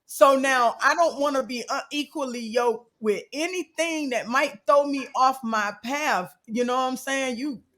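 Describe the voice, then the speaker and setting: Slow, emphatic woman podcast host. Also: sits high, fairly bright tone. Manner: preachy, emphatic, folksy church talk. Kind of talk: casual chat, presenting a discussion topic. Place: live-streamed podcast.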